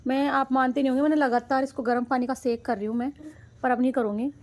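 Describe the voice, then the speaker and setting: A woman's voice: sits high, steady tone, fast, a little mellow. A woman, a mother, casually narrating a family vlog and talking straight to viewers while she cooks. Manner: chatty, talks straight to viewers while cooking.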